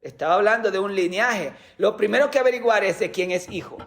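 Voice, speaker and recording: A man's voice: sits high, a little fast, a bit bright. A man preaching a sermon as a pastor, teaching with rhetorical questions and sometimes repeating words as he goes.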